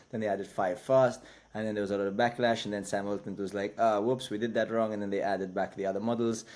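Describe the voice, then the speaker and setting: A man co-hosting a casual podcast, with a voice pitched a little low. He talks in a measured, explanatory way, laying out his point step by step. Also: darkish tone. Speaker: podcast co-host. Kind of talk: casual chat.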